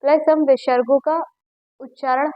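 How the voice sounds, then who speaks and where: A woman's voice: high-pitched, fairly even intonation, moderate pace, no room sound, dull audio. A woman teacher giving a lesson, patiently repeating sounds aloud for students to copy. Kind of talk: classroom lesson on Hindi phonetics.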